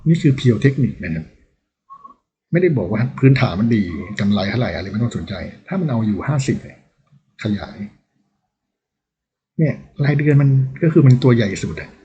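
A man's voice: mid-range voice, sing-song, fairly quick, pauses often, mellow, highs cut off. A man hosting a stock trading channel, talking casually and rambling as he thinks aloud over charts.

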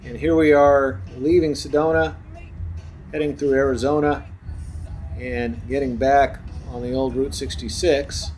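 A man narrating his own road trip as a travel voice-over, in a relaxed, chatty tour-guide manner. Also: medium pitch, measured pace, soft background music.

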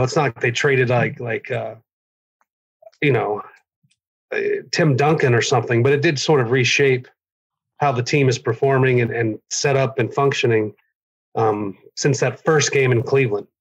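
A man's voice: medium pitch, fairly even intonation, normal speed, husky, lo-fi sound. A man talking in a casual sports podcast as a reporter, rambling with fillers and hedges.

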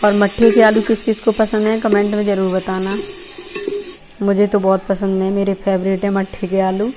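A woman's voice: mid-range voice, flat delivery, moderate pace, noisy background. A young woman from Uttar Pradesh, India, explaining each step as she cooks in a rural courtyard. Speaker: village cooking vlogger. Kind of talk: casual cooking narration.

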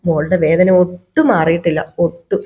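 A woman's voice: lowish voice, fairly even intonation, moderate pace, dark tone, lightly acted. A woman voicing a stern, sly old grandmother who speaks firmly.

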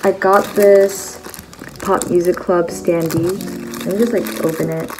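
This Chinese teen vlogger talks about her merch haul from a bedroom table, her lowish voice unhurried and fairly even in intonation. Captured close on a phone camera, the recording is rough, with music in the background. She's chatty and leans heavily on "like" and other fillers.

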